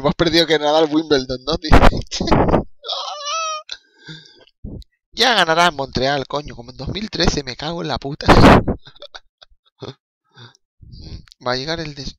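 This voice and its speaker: A young man from the Canary Islands commentating his own football video game on a live stream, rambling and excitable with swearing and laughing asides. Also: fairly high pitch.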